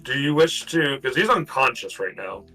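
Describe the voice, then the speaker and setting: Bright-voiced rambling male game master. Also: medium pitch, big pitch swings, moderate pace, soft background music, rough recording. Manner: rambling, giggly, lots of fillers. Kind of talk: narrating a tabletop game stream.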